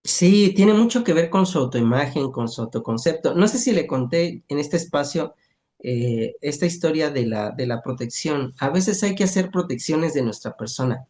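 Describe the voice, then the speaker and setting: A school counselor, calmly explaining and telling a story in an unhurried, soft-spoken way. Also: mid-range voice. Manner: soft-spoken, unhurried, tags sentences with questions. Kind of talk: calm explanatory talk and storytelling.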